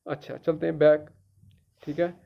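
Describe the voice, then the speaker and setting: A gravelly, slightly high-voiced middle-aged man from Jammu and Kashmir walks his students through a tutorial one step at a time. He talks patiently and repeats himself, checking often that they follow. The recording sounds dull and lo-fi. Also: little pitch movement, moderate pace. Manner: patient, repetitive, keeps checking with "theek hai". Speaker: teacher. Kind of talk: screen-guided tutorial.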